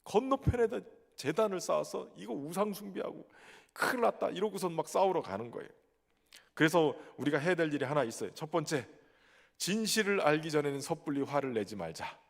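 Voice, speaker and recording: A mid-range male voice delivers a sermon in a church sanctuary, trailing a long reverb. The pastor is from Chungcheong, South Korea, speaks with a Chungcheong Korean accent, and keeps things lively and conversational with some humor.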